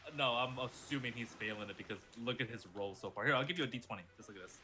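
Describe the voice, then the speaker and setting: A game master narrating a tabletop game in a playful, lively way. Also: mid-range voice, very fast, a little hiss or hum.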